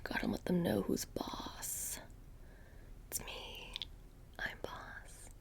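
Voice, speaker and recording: In this close, whispered ASMR piece, a soft-spoken woman takes on the role of a witch shopkeeper, delivering quiet threats in an offhand, stop-start, deadpan way.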